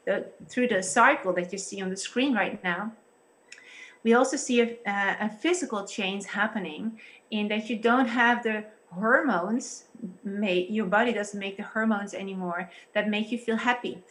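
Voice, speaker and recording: A pastor and psychologist from the Netherlands, she's in her thirties and has a Dutch accent. Her medium-pitched, slightly bright voice explains things cautiously and haltingly on a video call.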